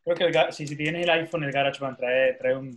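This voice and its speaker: A man's voice: medium pitch, steady tone, brisk, a bit bright. A man moderating an online talk, reading out audience questions in a hesitant way with restarts, over a video call.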